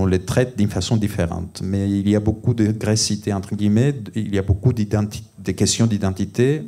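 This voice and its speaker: A guest author from Greece speaks with a Greek accent on a panel at a library event room. His voice is deep and a little mellow, and he's hesitant, with many fillers and restarts.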